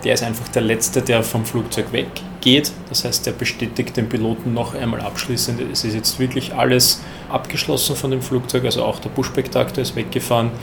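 A man with an Austrian accent giving measured, explanatory interview answers as a ground handling manager. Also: mid-range voice, little pitch movement, creaky, background noise.

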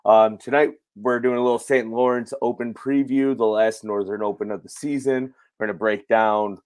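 A hoarse, raspy man whose voice goes in and out, hosting a casual live fishing show. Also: on the low side, a little mellow, dry recording. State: hoarse, voice cutting in and out from losing it. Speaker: podcast host.

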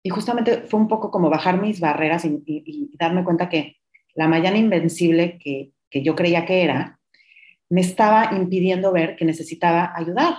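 A woman's voice: on the low side, moderate pace, a little mellow. A middle-aged woman, hosting a podcast and telling a personal story in a candid, reflective way, sometimes slipping English words into her speech. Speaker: podcast host. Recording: roomy echo.

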